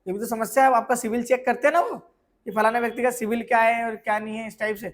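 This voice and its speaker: A man teaching a software course, explaining with everyday examples and often asking whether students have understood. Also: extremely high pitch, steady tone, fast talker. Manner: keeps checking if students follow; asks rhetorical questions and answers them. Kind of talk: screen tutorial lesson.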